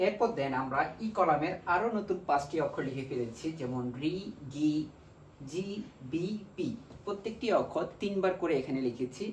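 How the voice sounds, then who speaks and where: A man's voice: fairly high pitch, animated, slight background noise. Man teaching, echoey distant room. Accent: Bangladeshi Bengali. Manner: slow, repetitive drilling of syllables. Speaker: language teacher. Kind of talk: whiteboard language lesson. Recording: echoey room, mic far off.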